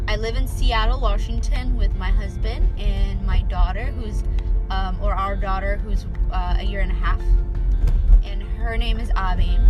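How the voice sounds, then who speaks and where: A woman in her thirties from Ethiopia, whose first language is Amharic, hosting a podcast in a rambling, chatty monologue full of fillers. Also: medium pitch. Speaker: podcast host. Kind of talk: casual monologue.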